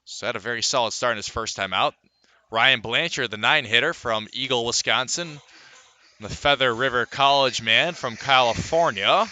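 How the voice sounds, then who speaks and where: A radio play-by-play man calls a baseball game live at normal speed, his mid-range voice pushed and bright. He reels off stats fluently, raising his energy on every play.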